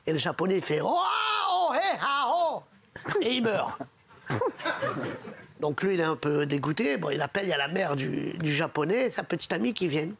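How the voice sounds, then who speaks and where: A man's voice: fairly high pitch, a little fast, creaky, a little hiss or hum. A man telling jokes on a comedy show, switching between voices for each character. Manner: animated joke teller, puts on characters' voices.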